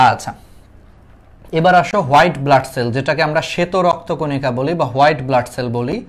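A young man with a Bangladeshi Bengali accent teaching an online class, explaining terms, repeating them and asking students questions in a colloquial way. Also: a little high. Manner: colloquial dialect forms mixed with English terms.

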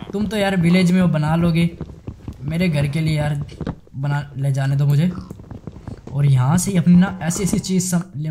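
A young man giving chatty, excitable commentary while playing a game, talking straight to his viewers. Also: high voice, slight background noise. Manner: chatty, excitable, addresses viewers as guys and bhai sahab. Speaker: gaming YouTuber. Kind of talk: casual Minecraft let's play commentary.

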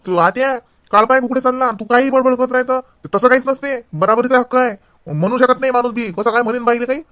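A man's voice: very high-pitched, fairly even intonation, fast, a bit bright, smooth, no echo, clean studio sound. A young man playing an educated nephew in a comedy skit, lecturing insistently. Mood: indignant.

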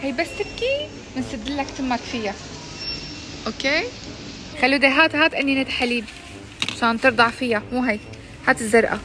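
A woman's voice: high-pitched, expressive, fast, long pauses, background noise. A woman, chatting playfully in a family vlog and cooing baby talk at her son. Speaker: mother and family vlogger. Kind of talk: casual family vlog chat.

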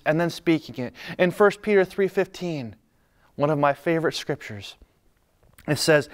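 A man preaching a sermon in an earnest, conversational way, dropping to soft, calm lines. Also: fairly high pitch. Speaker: pastor.

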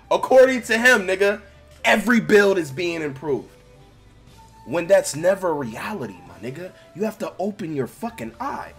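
Husky, high-pitched and fairly bright, his voice carries over background music. He's a young American gaming creator reacting to clips with loose, sweary commentary and plenty of venting slang.

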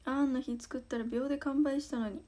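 High-voiced bashful teen girl, Kansai accent. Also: steady tone, a little fast, mellow. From Osaka, Japan. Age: teens. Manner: bashful, giggly, thanking fans often. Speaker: idol livestream host. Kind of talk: casual livestream chat reading fan comments.

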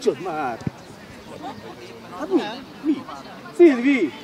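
A man coaching from the sideline of an outdoor football pitch, shouting short urgent commands to his players. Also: wildly swooping pitch. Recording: loud crowd and open-air noise.

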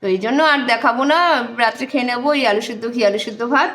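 A woman's voice: on the high side, racing, fairly bright tone. A middle-aged woman vlogging from her home, talking in a homely, chatty way to her viewers while holding her phone in one hand. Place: home, indoors. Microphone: phone held in one hand.

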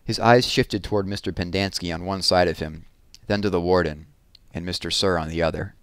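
A man reading a novel aloud in steady, even narration. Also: low-pitched, brisk, clean tone, dry recording. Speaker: reader. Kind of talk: book read-aloud narration.

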